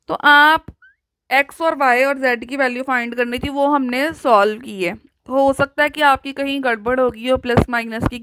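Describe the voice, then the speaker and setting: Woman math teacher, high voice, unhurried step-by-step dictation of working. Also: fairly bright tone, low-quality recording. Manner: slow, deliberate dictation of working.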